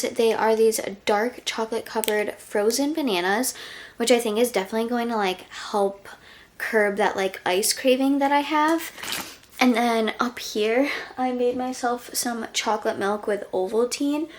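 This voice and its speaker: A woman's voice: a little high, a little hiss or hum. A young woman vlogging in casual chat from her bedroom at night, chatty and filling her talk with "like". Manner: chatty, uses "like" a lot.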